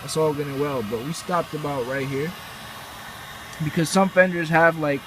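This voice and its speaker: A man's voice: a little high, fairly even intonation, normal speed. A young man hosting a car channel, explaining a how-to in a laid-back, rambling way with fillers. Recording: noisy background with vehicle sounds.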